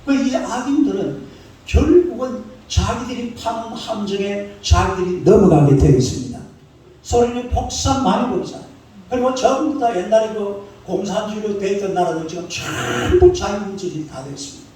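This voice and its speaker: A man's voice: sits high, normal speed, darkish tone. A middle-aged man preaching a sermon in a church, speaking colloquially and quizzing the congregation with questions he answers himself. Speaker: pastor. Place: church sanctuary. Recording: roomy church sound from a distant mic.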